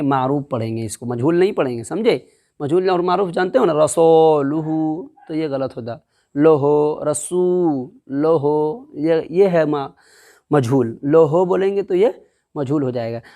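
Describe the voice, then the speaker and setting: A man teaching Quran reading in a step-by-step lesson. He, drills the syllables slowly and asks and answers his own questions. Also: fairly high pitch, dark tone.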